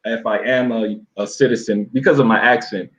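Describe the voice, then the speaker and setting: A travel YouTuber from Miami, USA, appears as an interview guest and tells his story casually, rambling with lots of fillers and restarts. His voice is fairly low and steady, fairly bright, at a moderate pace, though the audio is dull.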